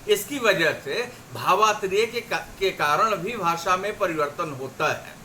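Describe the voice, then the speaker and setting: A man giving an academic lecture on linguistics, slowly reading out word pairs as examples. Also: high-pitched, expressive, bright, forceful tone, a little hiss or hum, poor audio. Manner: slow, deliberate, reads out word pairs as examples.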